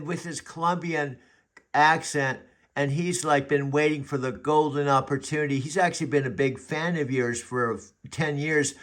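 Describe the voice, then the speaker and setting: A man's voice: fairly high pitch, a bit bright. A man in his seventies chatting casually as host, rambling and restarting his sentences often. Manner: rambling, halting with frequent restarts. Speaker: vlog host. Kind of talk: casual chat.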